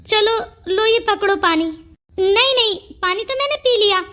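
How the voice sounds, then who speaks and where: A woman voicing a kind, caring young man in a cartoon story, talking in a gentle, teasing way. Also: very high-pitched, animated, a little slow, exaggerated voice.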